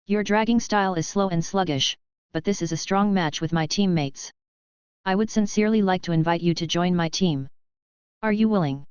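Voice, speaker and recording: A woman's voice: lowish voice, normal speed, a little mellow, smooth, no room sound, muffled recording, lightly acted. A woman voicing a cheerful, sincere young male team captain in an audiobook. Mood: friendly. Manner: friendly, sincere, encouraging.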